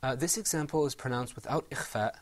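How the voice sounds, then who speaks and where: A man teaching Quran recitation rules to a small class, patiently modeling sounds and encouraging students. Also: medium pitch. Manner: encouraging, drawn-out modeling of pronunciations.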